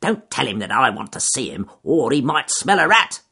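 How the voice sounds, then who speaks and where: A man's voice: mid-range voice, sing-song, moderate pace, creaky, sharp tone, husky, voice pushed up, exaggerated voice. A man voicing a cowardly, scheming fox in a storybook, gloating and chuckling.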